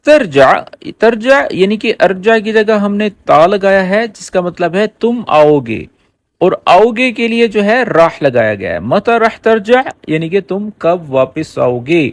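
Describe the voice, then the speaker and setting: Man, patient language teacher, repeats phrases slowly, dry close sound. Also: high voice, very animated, dry recording. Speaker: Arabic teacher. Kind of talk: language lesson.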